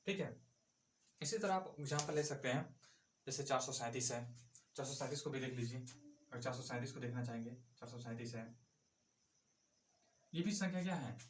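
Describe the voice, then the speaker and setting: A man's voice: medium pitch, normal speed, long pauses, echoey room, a little hiss or hum. A male math teacher explaining a lesson step by step, asking and answering his own questions as he goes.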